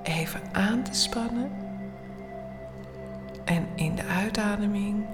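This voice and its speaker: Woman doing a bedtime meditation, super slow n soothing, hushed almost whispery, music clearly playing behind. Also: medium pitch. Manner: slow, soothing, hushed, often near-whispered, with long pauses. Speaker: guided relaxation instructor. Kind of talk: guided bedtime body-scan meditation.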